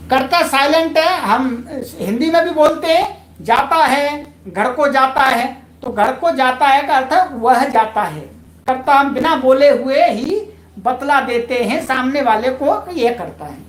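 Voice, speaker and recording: Female Sanskrit teacher, high voice, patient and repetitive, echoey room. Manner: patient, repeats key points, addresses viewers politely. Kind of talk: online grammar lesson.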